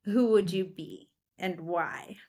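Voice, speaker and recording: A woman's voice: on the low side, takes it slowly, warm tone. A woman hosting an interview show, asking her guest friendly, light questions. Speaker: host. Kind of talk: casual interview conversation.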